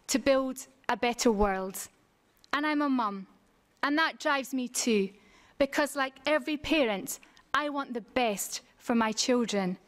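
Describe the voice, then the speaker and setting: Woman from scotland making a big speech at a conference, earnest, high voice. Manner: earnest, rhetorical. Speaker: conference speaker. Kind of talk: prepared speech. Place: conference room.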